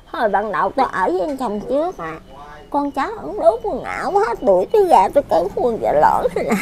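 A woman's voice: high voice, wildly swooping pitch, a little fast, a little mellow. Rambling older Southern Vietnamese woman. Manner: rambling, repetitive complaining. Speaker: elderly widow being interviewed. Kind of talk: casual chat.

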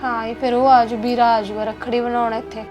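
A woman's voice: on the high side, little pitch movement, fairly quick, close to an everyday voice. A young woman with an Indian Punjabi accent plays a sad young wife in a village family drama and speaks plaintively. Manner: plaintive, complaining. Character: young wife sad that her mother is gone. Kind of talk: village web drama acting. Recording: background music under dialogue.

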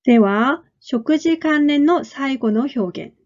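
A woman teaches a language lesson in a fairly high voice. She speaks clearly and deliberately, repeating each model phrase several times. The recording sounds somewhat muffled. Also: lively intonation, a little mellow. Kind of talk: slow, careful lesson explanation.

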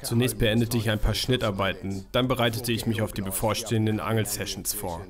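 A man's voice: lowish voice, fairly even intonation, brisk, over music. A man in his thirties narrating a carp fishing travel vlog, speaking with enthusiasm and exclaiming over big fish. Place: outdoors by a lake.

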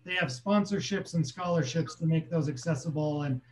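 A man's voice: on the high side, moderate pace. A man in his thirties chairs a community council meeting over a video call from a small room at home, explaining things plainly with many ums. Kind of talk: casual meeting talk. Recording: echoey room.

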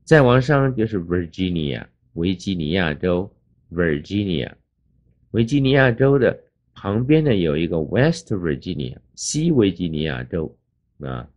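An older man lectures over a map with a very low, deep voice, patient and plain. He repeats each English name and explains how to say it. The recording sounds dull and lo-fi. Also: very animated, a little mellow. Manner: explains slowly, spells out English place names. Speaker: English teacher.

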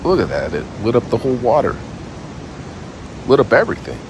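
A man around his forties narrates a casual travel vlog in a laid-back, informal way, filming with a phone held at arm's length. His mid-range voice swoops wildly in pitch and he talks fairly quickly. He's outdoors on town streets and a beach, with a noisy background.

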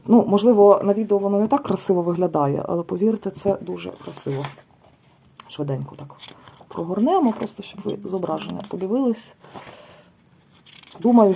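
A woman's voice: medium pitch, vocal fry, dark tone, slight background noise. A young adult woman casually reviewing a book, listing bird names one by one with chatty asides. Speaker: tarot and oracle vlogger. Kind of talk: casual book review, leafing through pages.

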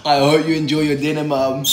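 A woman running pranks for her vlog, teasing and scolding in a bossy, giggly way. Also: on the high side.

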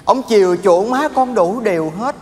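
A higher-pitched man's voice, earnest and polite, a young son. His words echo through a large theater hall. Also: animated, normal speed. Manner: earnest, respectful explaining. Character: earnest young man explaining his father. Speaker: stage comedy actor. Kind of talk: stage sketch acting. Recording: live stage with hall echo.

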